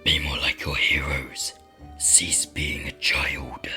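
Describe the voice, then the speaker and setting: A woman voicing an ancient, gloomy male demon in a video game, scornful and pompous, in a breathy rasping whisper. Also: very deep voice, level tone, bright, forceful tone, soft background music, pitched below the performer's own voice, exaggerated voice. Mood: stern, gloomy. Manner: pompous, slow, disdainful.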